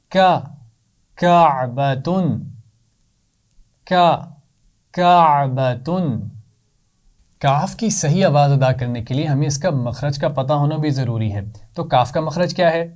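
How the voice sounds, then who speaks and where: A man's voice: a little high, a little mellow. Patient male teacher drilling kids. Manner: slow, patient, repeating sounds for kids to echo. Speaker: Quran reading teacher for children. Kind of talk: children's lesson.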